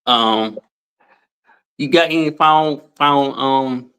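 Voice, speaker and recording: A man hosting his own channel's interview in a plain, mid-pitched voice. He speaks haltingly, with short backchannel replies and restarted questions. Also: bright, forceful tone, clean tone, rough recording. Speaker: host. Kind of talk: casual interview.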